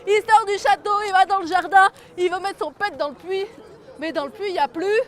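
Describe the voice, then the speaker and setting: A woman's voice: extremely high pitch, brisk. A woman storyteller telling a folk tale to children and getting them to join in. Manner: lively, gets the audience to join in.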